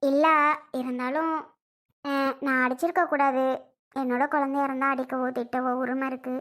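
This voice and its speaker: A woman playing a remorseful aunt who talks softly and apologetically in a family drama. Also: high voice, little pitch movement, normal speed, lightly acted. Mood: apologetic. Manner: soft, apologetic, subdued.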